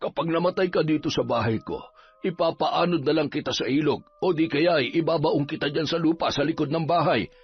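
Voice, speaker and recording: A man voicing a grumbling, teasing middle-aged village folk healer, gruff and nagging with comic moments. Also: on the high side, brisk. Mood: scolding. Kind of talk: Filipino audio drama acting. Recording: dull lo-fi with faint music.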